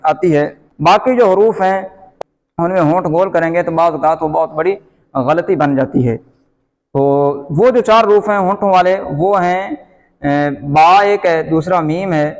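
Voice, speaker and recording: A man with a Pakistani Urdu accent gives a slow, patient Quran reading lesson, loudly repeating each letter sound. His voice sits high, and the audio has a long reverb tail.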